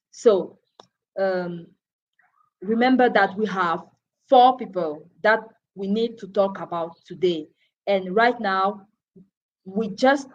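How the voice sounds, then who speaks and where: A woman giving a live Bible lesson, explaining in a measured way with pauses between phrases. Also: medium pitch, muffled recording. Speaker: Bible teacher.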